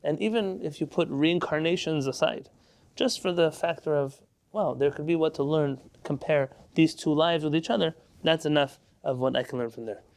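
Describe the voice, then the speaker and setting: A man leads a Talmud lesson with a somewhat raised pitch, working through each passage step by step. He often poses a question to the class and then answers it himself. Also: moderate pace, gravelly, darkish tone. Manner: explains step by step, asks and answers own questions. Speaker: Torah class teacher.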